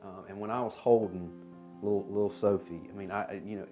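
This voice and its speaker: Earnest lower-voiced man, halting testimony. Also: steady tone, phone-quality sound, faint music behind. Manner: halting, earnest, with many restarts. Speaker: father sharing a testimony. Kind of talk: personal testimony.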